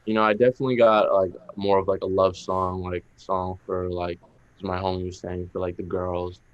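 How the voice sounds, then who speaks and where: A young adult rapper with a Boston accent chats casually as an interview guest, speaking in a low, flat voice at a moderate pace. He's laid-back and rambling, with many fillers, and the recording sounds muffled.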